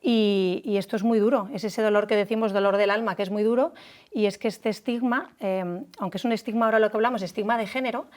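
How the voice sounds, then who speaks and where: A woman doctor on a talk show, explaining in a measured way with some hesitant restarts. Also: medium pitch, steady tone, darkish tone. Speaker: guest, doctor.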